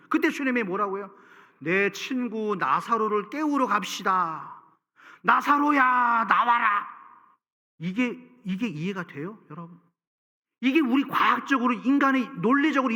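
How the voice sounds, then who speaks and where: A man's voice: sits high, bright, forceful tone. A man preaching a Sunday sermon as pastor, building to emphatic peaks and putting questions to the congregation. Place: church sanctuary. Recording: reverberant church sanctuary.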